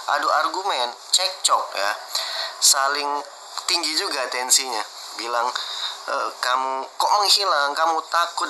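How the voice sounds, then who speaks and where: A man telling the story of a heated dispute in a conversational, animated way, acting out what others said, with frequent "eh" fillers. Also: mid-range voice, noisy background. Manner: animated, acts out quoted exchanges, frequent "eh" fillers. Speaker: martial artist guest recounting events.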